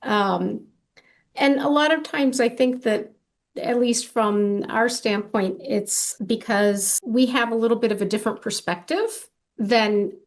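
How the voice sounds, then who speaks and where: An architect and firm founder from Argentina, a woman in her sixties, answers questions in a casual interview. Her voice is a little high and her pace measured, and she responds in a thoughtful, conversational way.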